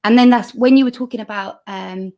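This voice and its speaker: A woman's voice: on the high side, fairly quick, warm tone. A woman leading laughter exercises on a video call, bubbly and encouraging, often breaking into laughter as she explains. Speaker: laughter yoga leader. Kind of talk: casual video call chat.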